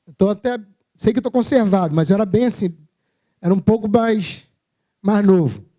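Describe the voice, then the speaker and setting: A man's voice: high-pitched, normal speed, dark tone. A Brazilian man preaching a sermon at a church service, telling personal stories in a humorous, self-mocking, conversational way.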